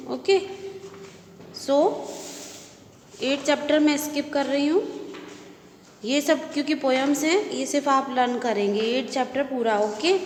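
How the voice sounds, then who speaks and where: Casting: woman school teacher, high voice, repetitive checking-in style, long echoey room. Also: a little hiss or hum. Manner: repetitive, checks with "okay?", mixes in English words. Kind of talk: recorded Hindi class lesson.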